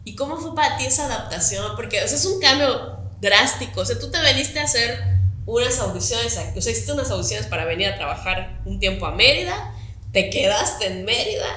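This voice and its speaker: A woman hosting a relaxed interview, curious and quick to laugh. Her voice is bright. The room adds audible echo. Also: fairly high pitch, a little hiss or hum. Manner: friendly, laughs often, asks follow-up questions. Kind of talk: casual interview chat.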